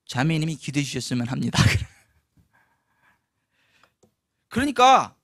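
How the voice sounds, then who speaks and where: A man preaching a storytelling sermon as pastor in a church, animated, acting out the people in his story. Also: a little high, dry recording, studio quality. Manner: animated, acts out quoted voices, laughs often.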